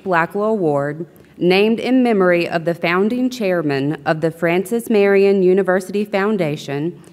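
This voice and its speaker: A young woman presenting an academic award, reading clearly from a script into a podium microphone in a large arena. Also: on the low side, darkish tone. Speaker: university vice president presenting an award. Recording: long reverb of a large hall.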